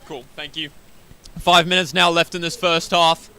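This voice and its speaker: A man's voice: fairly high pitch, little pitch movement, moderate pace, sharp tone, clear, resonant tone. An Australian man giving live play-by-play commentary, chatty and often correcting himself with apologetic asides. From Wollongong, Australia. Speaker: sports commentator.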